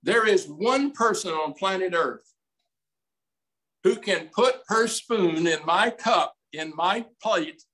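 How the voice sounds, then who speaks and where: Older man, pastor, slow folksy sermon, fairly high voice, desk mic in a small room. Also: animated, fairly bright tone, poor audio. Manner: slow, emphatic, folksy preaching with hand gestures. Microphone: desk mic on stand, streamed over video call.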